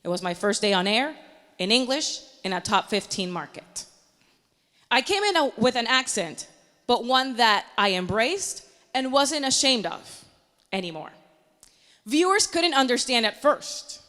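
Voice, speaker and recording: Woman in her thirties, earnest motivational storyteller, bright voice with a long hall echo. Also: on the high side, very animated, unhurried. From Panama. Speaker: meteorologist. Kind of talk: personal story speech.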